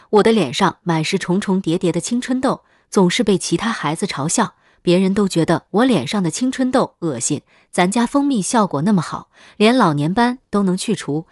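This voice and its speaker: A woman narrating a first-person horror story in a steady, matter-of-fact scripted read. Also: medium pitch, no room sound, studio quality.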